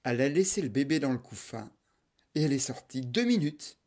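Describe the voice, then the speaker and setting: A man telling a folk tale aloud, with rhythmic repetitions and sudden loud outbursts. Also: mid-range voice, lively intonation, fairly quick. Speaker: storyteller.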